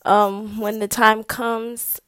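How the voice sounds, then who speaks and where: A young woman talking to the camera in a personal video diary, hesitant and halting, sometimes dropping to a soft whisper. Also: fairly high pitch, flat delivery, no echo, clean studio sound. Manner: hesitant, halting, full of fillers; drops to a soft whisper at times. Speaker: vlogger.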